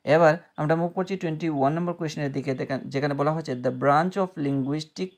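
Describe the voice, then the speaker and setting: A man going through exam questions one at a time, reading each slowly and then explaining and repeating the answer. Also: on the high side. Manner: repeats key answers, checks in with "okay?". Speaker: exam prep teacher.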